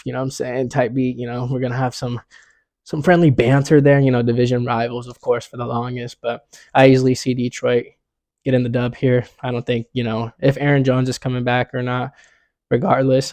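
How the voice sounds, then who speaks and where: A man's voice: mid-range voice, gravelly, darkish tone, no room sound. A young man hosting a casual sports picks vlog, talking in a laid-back, slangy way full of "you know what I'm saying".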